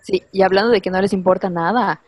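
A woman's voice: mid-range voice, fairly even intonation, quick pace, a little mellow, no room sound. A young woman, co-hosting a podcast and speaking earnestly and directly to listeners. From Mérida, Yucatán, Mexico. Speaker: podcast co-host. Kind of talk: casual podcast chat.

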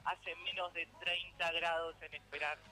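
A man's voice: on the high side, little pitch movement, normal speed, sharp tone, rough recording. A teenage man with an Argentine Spanish accent, a radio columnist chatting in a playful, teasing, theatrical way. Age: teens. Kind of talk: casual radio chat.

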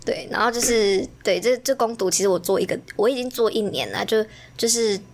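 快语速的年轻女声，常笑. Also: female voice, fairly high pitch, a little fast, slight background noise. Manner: animated, laughs often, acts out quoted voices. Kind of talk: casual storytelling chat.

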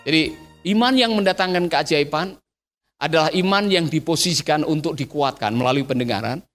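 High-voiced man preaching with fervor. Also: brisk, faint music behind. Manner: animated preaching with rhetorical questions to listeners; raises his voice sharply to act out shouting crowds. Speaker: pastor. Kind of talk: radio sermon.

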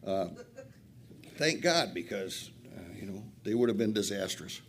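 A man's voice: lowish voice, lively intonation, a little slow, a little hiss or hum. An older man from Flint, Michigan, telling a profane, self-mocking recovery story at a retreat and laughing often. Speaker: recovery speaker.

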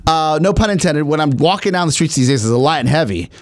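A man co-hosting a talk show, chatting casually and telling stories with lively energy. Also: on the high side, quick pace, no room sound, studio quality. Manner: animated storyteller. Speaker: co-host. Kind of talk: casual chat.

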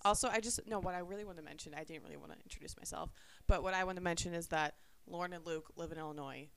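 A late-teen woman from Minnesota co-hosts a relaxed podcast chat. Her voice sits a bit low for a young woman. She talks in a chatty, teasing way and giggles easily. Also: racing. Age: late teens. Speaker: podcast co-host. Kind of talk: casual chat.

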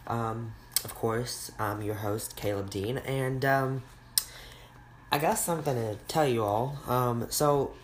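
A man hosting a bedtime story podcast, reading a children's book aloud in a halting, sleepy way, stumbling over words and correcting himself. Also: mid-range voice, a little hiss or hum, low-quality recording. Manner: sleepy, yawning.

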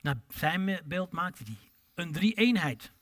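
High-voiced impassioned preacher. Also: male voice, sing-song. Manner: impassioned, swings from loud emphatic calls to quiet low asides; drawn-out pleading delivery when quoting scripture. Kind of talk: sermon.

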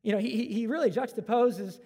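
High-voiced man preaching in a hall. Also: a little fast, warm tone, slightly rough. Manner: conversational, acts out everyday dialogue. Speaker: pastor. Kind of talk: sermon.

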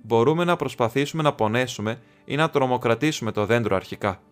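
Guy reading a book doing a gruff stubborn hobbit servant, fierce and loyal, low music under it. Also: lightly acted. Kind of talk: audiobook reading.

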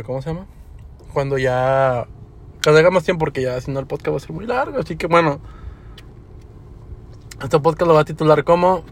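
A young man with a Mexican Spanish accent hosts a casual podcast and tells work stories. His talk is slangy, crude and relaxed. His voice sits a little high for a man. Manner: slangy, crude, laid-back. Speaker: podcast host. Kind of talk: casual storytelling.

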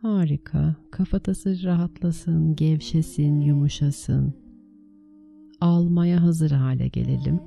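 Female meditation guide: lowish, very mellow voice, soothing and unhurried, gentle instructions with spacious pauses. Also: steady tone, gravelly, soft background music. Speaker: meditation teacher leading a guided meditation.

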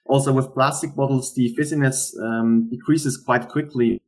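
A man presents as a startup founder in a rehearsed investor pitch style, explaining earnestly with some halting pauses. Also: fairly even intonation, a little mellow.

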